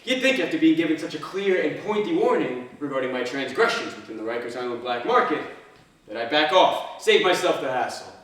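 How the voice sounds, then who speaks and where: A man performs a one-man stage monologue in a slightly high voice. He tells his story dramatically, with a dry, wry humour. The sound is heavily echoing and picked up some way from the microphone. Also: very animated, fairly quick, fairly bright tone. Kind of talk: theatrical first-person monologue. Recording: very echoey stage, distant microphone.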